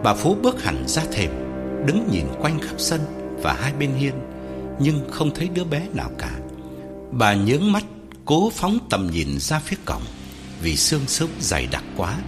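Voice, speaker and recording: A man's voice: medium pitch, wildly swooping pitch, unhurried. Dramatic male ghost-story narrator. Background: music.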